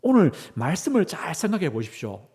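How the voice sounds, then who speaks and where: A male pastor preaching a sermon in a church with passion, moving between loud pleading prayer and hushed whispers. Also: a little high, big pitch swings, a little fast, husky, big-room sound. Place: church sanctuary.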